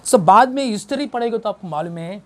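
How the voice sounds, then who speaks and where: A pastor preaching a Good Friday sermon, questioning the congregation and repeating phrases for emphasis. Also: male voice, high-pitched, expressive, brisk. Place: church service.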